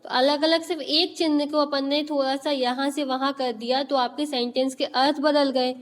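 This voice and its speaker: A woman's voice: high voice, steady tone, normal speed, big-room sound. A woman teacher, teaching an online class and quizzing children with repeated questions as she explains. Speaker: school teacher.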